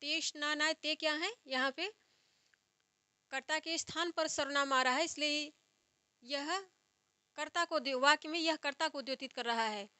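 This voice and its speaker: A young woman teaches an exam-prep grammar lesson, reciting each form slowly and going back over it. Her voice sits high and sounds bright and clear. The sound is dry and close, with no room around it. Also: no room sound. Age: young adult. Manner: slow, repetitive recitation of word forms, explaining step by step. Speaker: Sanskrit teacher.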